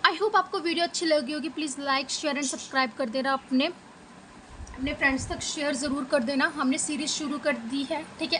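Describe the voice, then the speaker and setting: A woman teacher from Punjab, India, with a high, bright voice and Indian English accent, leads an exam-prep lesson, explaining each point step by step and checking in with "okay". Faint noise sits behind her voice, and the audio is poor.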